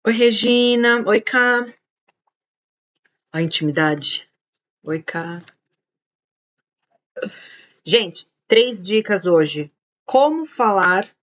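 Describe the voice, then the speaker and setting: A woman hosting a casual live stream as a diabetes educator, chatty and greeting viewers by name as they arrive. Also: mid-range voice. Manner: chatty, warm greetings, thinking aloud with restarts. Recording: dull lo-fi live stream audio.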